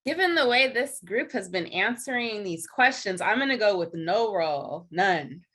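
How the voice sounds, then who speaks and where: A woman contestant chatting casually about her favorite team over a video call, relaxed with lots of fillers. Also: mid-range voice, moderate pace, husky. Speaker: game contestant. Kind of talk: casual chat.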